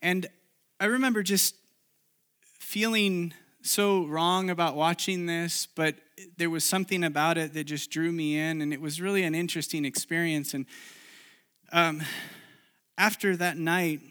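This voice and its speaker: A man's voice: a little high, steady tone, measured pace, fairly bright tone, clear, resonant tone. A man who grew up in Chile, preaching a sermon and sharing his own story in an earnest, confessional way with frequent restarts. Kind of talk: sermon with personal testimony.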